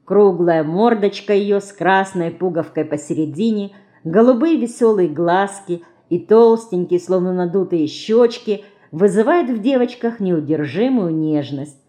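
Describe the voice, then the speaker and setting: A woman narrating an audiobook in a calm, measured storytelling manner. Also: mid-range voice. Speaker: audiobook reader. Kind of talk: scripted narration.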